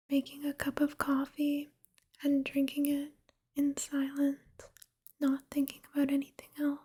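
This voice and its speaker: A woman giving a whispered ASMR pep talk, speaking gently and reassuringly in a soft, unvoiced whisper. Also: high-pitched.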